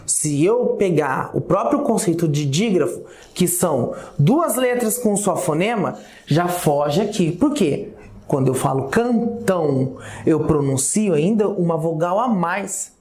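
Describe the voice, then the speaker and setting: A female teacher with a Brazilian Portuguese accent and a low, dark voice speaks slowly in a recorded class lesson. She addresses her students informally, checking their understanding with repeated "tá?" and "ok?". The classroom sound is echoey.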